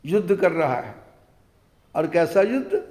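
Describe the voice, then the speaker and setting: A man, a spiritual teacher, retelling scripture in a devotional discourse and slowly chanting verses. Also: high voice, big pitch swings, a little mellow, long reverb tail.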